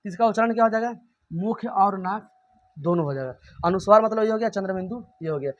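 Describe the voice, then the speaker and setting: A man's voice: high voice, quick pace, dull audio. A man teaching a grammar lesson. He keeps asking and answering his own questions and repeats every point.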